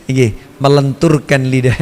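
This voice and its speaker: A man's voice: medium pitch, steady tone, unhurried, darkish tone. A man with a Javanese accent teaching Quran recitation to a congregation, patiently drilling each letter sound again and again. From Java. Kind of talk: tajwid lesson to a congregation. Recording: long hall reverb.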